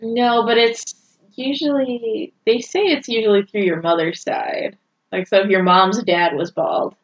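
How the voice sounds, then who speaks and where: A woman's voice: mid-range voice, a little slow. Laughing woman in an echoey room. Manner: laughs often, animated and candid. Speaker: podcast co-host. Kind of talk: casual chat about a fan fiction story. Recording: echoey room, dull lo-fi sound.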